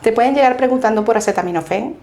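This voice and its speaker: A Venezuelan woman with a Venezuelan accent is a guest in a conversational interview, telling her story. She's animated and laughs as she recounts anecdotes, speaking quickly in a voice on the high side.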